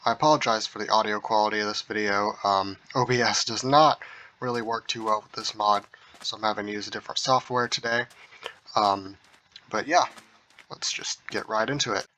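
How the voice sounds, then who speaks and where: Bright-voiced man on a low-quality stream. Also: brisk. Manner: relaxed, rambling, with frequent ums and hedges. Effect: low-quality audio capture. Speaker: mod review video host. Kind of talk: casual gameplay walkthrough.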